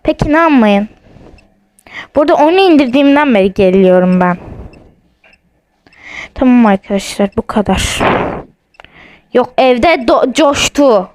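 In a casual home vlog, a young woman uses her phone to play a ghost-hunting app, jittery and saying again and again how scared she is. Her slightly high, expressive voice has a darkish tone and a measured pace with frequent pauses. There's no room sound, and the recording quality is low.

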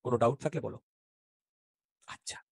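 A man's voice: a little fast, dry recording. A man teaching physics in an interactive online class, often checking whether students follow and mixing in English terms.

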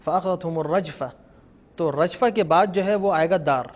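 Man with a fairly high voice, patient teacher of recitation; a guest explaining rules and chanting example verses. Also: normal speed. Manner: patient, instructive, reciting Arabic examples melodiously.

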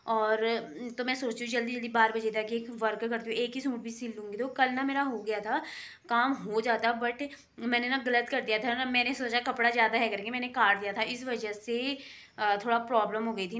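A woman's voice: on the high side, steady tone, moderate pace, fairly bright tone. A young woman from the Indian hills talking casually in a daily vlog while sewing at home, chatty and rambling with many fillers, sometimes earnestly pleading. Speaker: vlogger.

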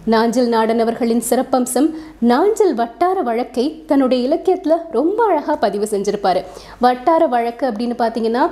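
Mellow-voiced woman telling a story. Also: on the high side. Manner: explanatory, conversational storytelling. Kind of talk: narrating a short story with introduction.

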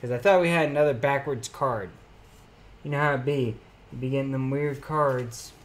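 A man's voice: medium pitch, normal speed, a little hiss or hum. A young man streaming live, reading card names aloud as he opens packs and chatting casually with his viewers.

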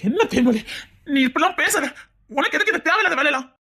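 A woman's voice: sits high, lively intonation, quick pace, bright, forceful tone, exaggerated voice. A woman with a Tirunelveli Tamil accent voicing a desperate, devoted husband who stammers out reassurances as he pleads. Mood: pleading, desperate. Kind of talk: tearful melodrama.

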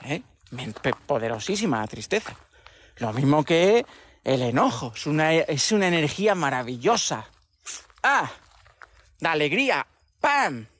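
Man, high-pitched, casual livestream talk, rhetorical questions. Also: measured pace, pauses often, no room sound. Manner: animated, mocking imitations, rhetorical questions. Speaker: livestream host. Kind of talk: casual live chat.

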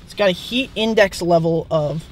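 A man's voice: sits high, moderate pace. Teenage guy chatting casually in a car. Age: teens. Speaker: food review vlogger. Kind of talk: casual vlog chat. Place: inside a car. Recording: clear car interior and traffic noise.

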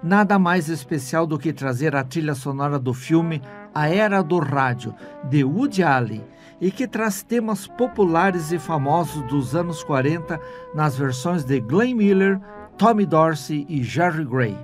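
Clear music plays behind a man conducting a conversational radio interview from a small foam-padded studio on a studio microphone. His voice is fairly high, expressive and unhurried.

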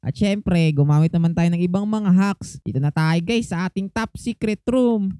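A chatty woman hosts a gaming video and keeps calling out to her viewers. Her voice is mellow and warm. It sounds dry and close. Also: on the low side, moderate pace, no room sound. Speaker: gaming channel host. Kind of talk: playful gameplay commentary.

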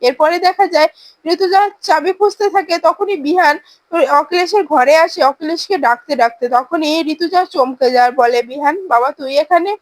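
A woman narrating a recap of a TV serial in a brisk, plain storytelling manner. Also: extremely high pitch, dry recording.

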